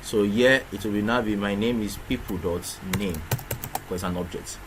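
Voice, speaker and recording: Here a male programming instructor talks at normal speed in a voice on the low side. His screen-recorded tutorial moves step by step, full of restarts and rhetorical questions, over clear background noise with keyboard typing.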